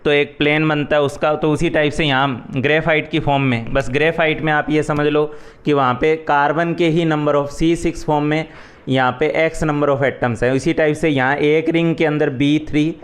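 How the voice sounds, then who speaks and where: Male chemistry teacher with a Hindi accent, clear and resonant voice, patient step-by-step revision delivery. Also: a little high, steady tone, normal speed. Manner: explains step by step, repeats "ठीक है" often. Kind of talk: exam revision lecture.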